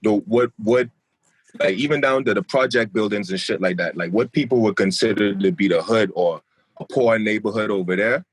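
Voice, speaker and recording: A young man with a lowish, slightly breathy voice speaks at a normal pace, his light Bahamian accent blended with South Florida. He's a podcast guest in casual chat, laid-back and rambling, often repeating himself. There's no room sound.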